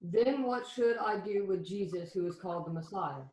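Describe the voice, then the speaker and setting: A woman reading the part of Pilate, a weary Roman governor, in a church scripture reading, in a subdued, measured way. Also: medium pitch, natural voice. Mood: troubled. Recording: echoey room with loud noise.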